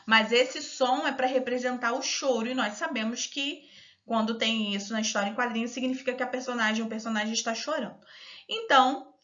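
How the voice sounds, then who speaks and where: A Brazilian woman teacher giving a recorded lesson to young children, patiently spelling out syllables slowly and clearly. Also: on the high side, a bit bright. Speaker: primary school teacher. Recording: dull lo-fi audio.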